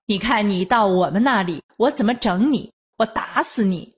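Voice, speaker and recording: A woman's voice: mid-range voice, normal speed, breathy edge, close to an everyday voice. A woman reading aloud, voicing a bullying male police officer who curses and threatens. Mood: threatening. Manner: cursing, threatening, raised voice.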